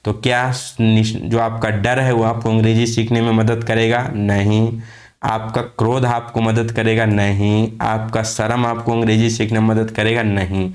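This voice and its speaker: A man's voice: fairly low pitch, level tone. Man teaching exam questions step by step. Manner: spells words letter by letter, asks and answers his own questions; reads English slowly. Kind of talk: explanatory lesson, question by question.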